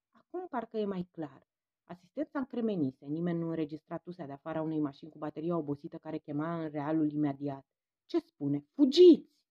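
A woman's voice: on the low side, dry recording, highs cut off. A woman narrating an audiobook story expressively and giving each character a voice. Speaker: audiobook reader.

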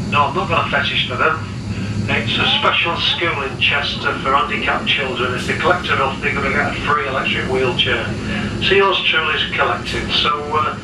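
A man, a train conductor calling out announcements to passengers in an informal, chatty way, heard inside a train carriage. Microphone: camcorder far from the speaker. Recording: distant, echoey, very noisy train intercom. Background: loud train rumble.

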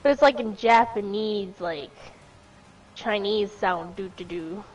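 A woman's voice: mid-range voice, slow pace, recorded from a distance, dull audio. A woman chatting while gaming, goofy and giggly, saying dude a lot. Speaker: gaming partner. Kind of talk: casual gaming chat.

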